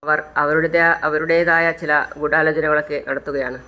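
A storyteller retelling serial episodes in a relaxed, matter-of-fact way, with a middle-pitched voice. The delivery is plain and conversational, like informal spoken narration. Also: normal speed.

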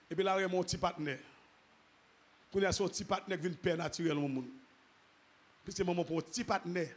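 A man preaching a sermon as pastor, repeating phrases and rising into shouted, half-sung exclamations. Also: high-pitched. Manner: repetitive, call-and-response phrasing.

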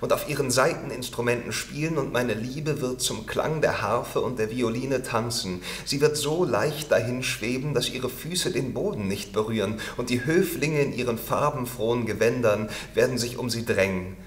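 A man's voice: medium pitch, normal speed, few pauses, echoey room, lightly acted. A man voicing a lovesick, despairing young male student in a storybook reading, fervent and lamenting.

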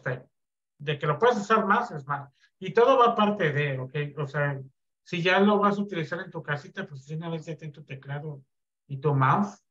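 Man, online computer class, fairly high voice, dull video call sound. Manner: relaxed, many fillers and restarts, asks the class questions.

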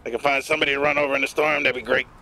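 A man streaming a game live, giving profane, rambling running commentary in a put-on gravelly smoker's rasp. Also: mid-range voice, steady tone, rapid-fire, pushed and bright, slight background noise.

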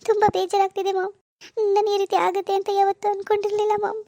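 A woman's voice: very high-pitched, little pitch movement, fast talker, dark tone, dry recording, studio quality. A woman voicing a tearful young married daughter in a cartoon, complaining and full of self-pity. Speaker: grieving daughter. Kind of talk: cartoon voice acting.

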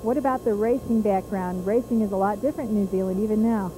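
A woman's voice: mid-range voice, steady tone, fast talker, warm tone, poor audio. A woman interviewing a horse trainer trackside for a racing broadcast, asking questions in a polished manner. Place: outdoor fairground racetrack. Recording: background noise at the track.

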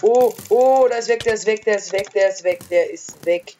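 Excitable trash-talking woman gamer with sore throat. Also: medium pitch, moderate pace, slight background noise. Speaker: let's play gamer. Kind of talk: casual game commentary.

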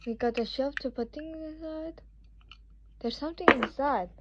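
A woman chatting casually as she sets up a dollhouse, with excited little exclamations. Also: high voice, normal speed. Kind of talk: casual toy play commentary. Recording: dull lo-fi sound with clear background noise.

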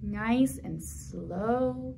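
In a small indoor room at a library, a children's librarian hosts toddler storytime, reading aloud slowly in a high voice with vocal fry and slight background noise. She adds commentary, using gentle, simple phrasing and questions meant for small children.

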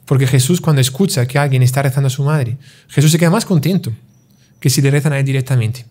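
Calm, mellow-voiced priest explaining. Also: male voice, mid-range voice. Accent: Spanish-speaking. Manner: calm, measured, teaching with parables and rhetorical questions. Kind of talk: explanatory religious talk.

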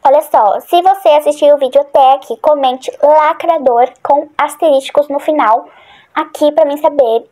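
A woman's voice: high voice, dark tone. A woman chatting casually through a horror game for her channel, rambling and easily startled. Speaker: gaming channel host. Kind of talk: casual gameplay commentary.

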